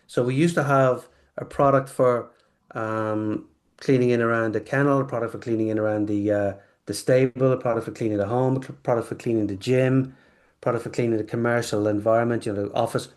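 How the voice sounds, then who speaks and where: A man's voice: mid-range voice, fairly even intonation, fairly quick, darkish tone. A man from the UK, a company guest in a casual interview, talking with many restarts and fillers. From United Kingdom.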